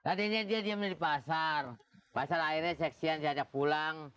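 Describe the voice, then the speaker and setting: A man's voice: fairly high pitch, normal speed, fairly bright tone. A man playing a neighborhood head in a comedy sketch, chatty and boastful.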